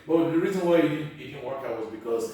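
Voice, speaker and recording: A man's voice: a little high, expressive, racing, dark tone. A male comedian with an Irish-tinged accent, telling rambling stories in a casual podcast chat, restarting and swearing. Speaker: comedian guest. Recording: echoey room, mic at a distance.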